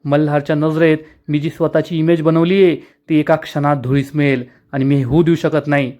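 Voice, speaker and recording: A man voicing a scheming, vengeful woman company owner who speaks in a cold, low, menacing way. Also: flat delivery, brisk, darkish tone, natural voice.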